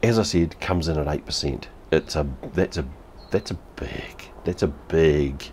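A rumbling low voice, a little slow and a little mellow, with a faint hiss or hum: a fifty-something New Zealander reviewing beer on camera at home. He's blunt and swears, repeats himself, and sits before a TV in a casual vlog.

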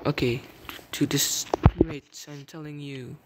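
A young man giving casual gameplay commentary, muttering to himself and repeating words rapidly in tense moments. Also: a little high, fairly even intonation. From English-speaking country with its own slang. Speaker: gamer. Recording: noisy home mic.

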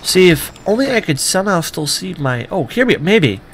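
A man's voice: high voice, big pitch swings, moderate pace, fairly bright tone, slight background noise. A man casually commenting while playing a video game, with wry, offhand asides. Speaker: let's play gamer.

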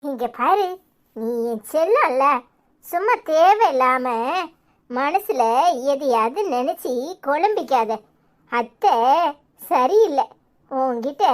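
A woman voicing a gentle, reassuring mother in a Tirunelveli Tamil accent for a cartoon. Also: sits high. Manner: coaxing, reassuring. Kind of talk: cartoon comedy voice acting.

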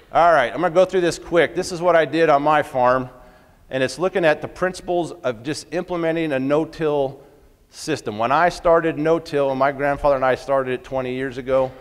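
A man, a farmer, giving a folksy conference talk and asking the audience questions. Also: medium pitch. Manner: folksy, asks the crowd questions. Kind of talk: storytelling lecture to an audience. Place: conference hall. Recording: long reverb of a large hall.

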